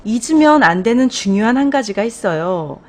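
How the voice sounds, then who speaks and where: A woman voicing a wise, upbeat woman bus driver who gives earnest, encouraging advice in a storybook reading, a bit louder than her narration. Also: on the high side, expressive, normal speed, pitched above the performer's own voice, natural voice.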